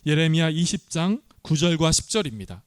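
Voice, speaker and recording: A man's voice: a little high, animated, moderate pace, dry recording, clean studio sound. A man pastor preaching a sermon earnestly, often asking the congregation questions.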